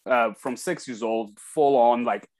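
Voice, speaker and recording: A man from Kazakhstan, a former hockey player appearing as an interview guest, chats casually in a mid-range voice that runs a little slow. He tells anecdotes with animation, acting out bits of dialogue as he retells them.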